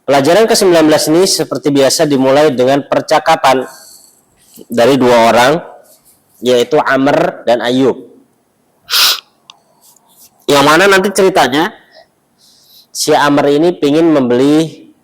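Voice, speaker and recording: Indonesian male teacher, mosque class, easygoing chatty explainer, mid pitch. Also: rough recording. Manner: relaxed, chatty explaining with asides. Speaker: Arabic teacher.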